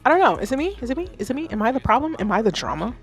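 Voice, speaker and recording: A woman in her thirties hosts a live stream, reacting to submitted tracks in a loose, animated way and poking fun at herself. She talks straight to her chat. Faint music plays in the background. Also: on the high side, very fast. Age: 30s. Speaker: livestream host giving music feedback. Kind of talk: casual livestream commentary.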